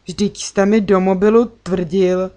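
A woman's voice: medium pitch, steady tone, warm tone, close to an everyday voice. A woman reading the lines of a stern, grave father in a children's story. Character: stern worried father, middle-aged man.

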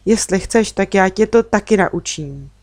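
A woman reading a storybook and voicing a calm, kind young girl who answers gently and without hurry. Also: mid-range voice, dry recording, studio quality, lightly acted. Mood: gentle.

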